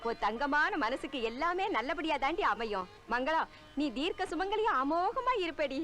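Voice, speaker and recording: A woman's voice: sits high, very animated, normal speed, sharp tone, soft background music, full character voice. An actress playing an older, doting mother-in-law who praises and blesses her daughter-in-law. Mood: fond. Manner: fond, blessing.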